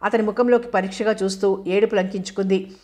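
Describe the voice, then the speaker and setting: A woman reading a novel aloud as an audiobook narrator, voicing every character in the same even way. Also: medium pitch, fast talker.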